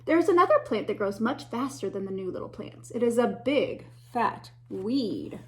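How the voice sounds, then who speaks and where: Reading a children's picture book with a teacher's warm storytime expressiveness, a woman with a slightly high voice varies her pace to build suspense, gasping or hushing to a whisper. Every so often she pauses to point out the pictures, asking young listeners what they notice on the page.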